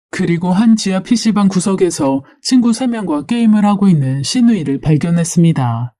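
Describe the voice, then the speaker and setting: A woman narrating a listener's story in a steady, first-person storytelling manner. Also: lowish voice, no echo, studio quality. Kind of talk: reading a listener's story aloud.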